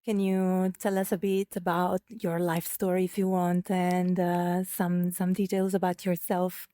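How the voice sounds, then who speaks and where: A woman hosting a podcast, reading the intro and asking questions in a calm, measured way. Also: on the low side. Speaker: podcast host.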